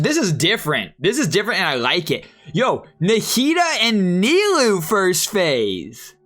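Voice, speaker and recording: A woman streamer giving casual, slangy, excitable live reaction commentary. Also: medium pitch.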